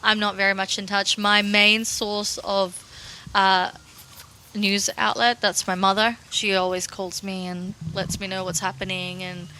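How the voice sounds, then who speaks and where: Flat-voiced young woman from Russia. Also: mid-range voice, measured pace, slight background noise. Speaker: podcast co-host. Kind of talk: casual chat.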